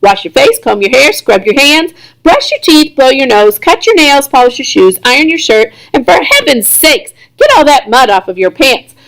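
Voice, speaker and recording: A woman's voice: high voice, sing-song, moderate pace, creaky, fairly bright tone, heavily acted, poor audio. A woman reading aloud voices an eager elderly grandfather who rattles off urgent instructions.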